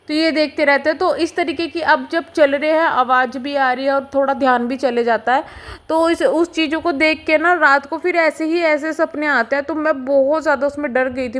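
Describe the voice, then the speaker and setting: A young woman with a high, light voice narrates her everyday home vlog. She talks in a relaxed, confiding way, as if chatting with a close friend. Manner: chatty, confiding and unhurried, talking to viewers like a friend. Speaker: vlogger.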